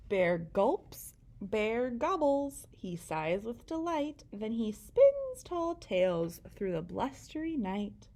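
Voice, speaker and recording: A woman reading a children's picture book aloud, slow and very expressive, dropping to a whisper for the refrain. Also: fairly high pitch. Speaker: storybook reader. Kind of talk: children's story read-aloud.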